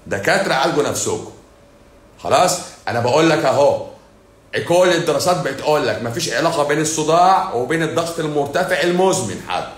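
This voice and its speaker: A man's voice: fairly high pitch, expressive, fast talker, reverberant. A man with an Egyptian Arabic accent, a doctor hosting a livestream who answers viewer comments in a blunt, sarcastic, scolding way.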